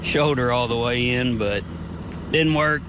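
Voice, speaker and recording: A relaxed man talking to a reporter outdoors. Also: mid-range voice, a little slow. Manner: relaxed and easygoing. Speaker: interviewee. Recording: outdoor with traffic noise.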